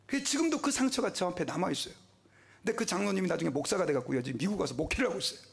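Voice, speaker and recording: A man's voice: high voice, lively intonation, rapid-fire, vocal fry, slightly rough. A male pastor preaching a sermon with passion, asking the congregation questions and dropping to a whisper at times. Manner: impassioned, asks the congregation questions, drops to a whisper.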